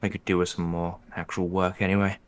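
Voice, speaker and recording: Man as betrayed male adventurer, weary, hesitant, wry, lowish pitch, tabletop game. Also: little pitch movement, lightly acted. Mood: halting, resigned. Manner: halting, sighing, wry. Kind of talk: tabletop role-play.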